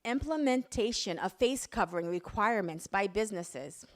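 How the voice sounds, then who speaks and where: A woman's voice: medium pitch, lively intonation, moderate pace. Indignant woman reading rules aloud. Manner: indignant, reads documents aloud emphatically. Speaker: business owner making a public statement. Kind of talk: direct-to-camera statement.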